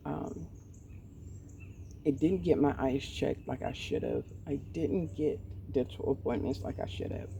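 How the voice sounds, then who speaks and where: Slow, gravelly woman in her forties. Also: deep voice, very animated, warm tone, far from the mic, a little hiss or hum. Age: 40s. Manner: hesitant, with many pauses and ums. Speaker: vlogger. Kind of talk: candid personal talk. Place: outdoors in a garden. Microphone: poor mic set away from the speaker.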